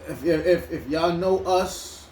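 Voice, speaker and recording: A man from New York chats over food in casual slang, doubling back on his own words as he goes. His voice sits a little high, and the room gives it a clear echo. A faint hum of ambience stays under everything. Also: measured pace, darkish tone. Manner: loose, slangy storytelling with many restarts. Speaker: mukbang co-host. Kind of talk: casual chat while eating.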